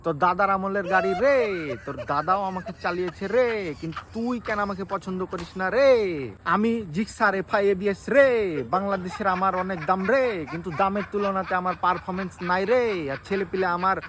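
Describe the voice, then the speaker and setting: A man's voice: high voice, a little fast, a bit bright, slight background noise. A synthetic male AI voice doing a social media text-to-speech comedy voiceover, with boastful, sing-song line endings.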